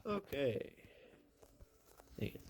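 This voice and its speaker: A man's voice: very slow, very noisy. Stuffed-up man rambling in an echoey room. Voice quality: congested, stuffed-up nose. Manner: rambling, self-correcting, thinking aloud. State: has a cold with a stuffed, runny nose. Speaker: vlogger with a YouTube channel. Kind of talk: casual vlog chat.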